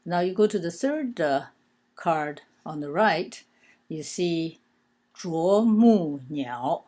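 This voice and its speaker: A woman's voice: lowish voice, lively intonation, slow, darkish tone. A woman teaching an informal language lesson, hesitant and full of fillers, counting and spelling things out aloud. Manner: hesitant, many fillers and restarts.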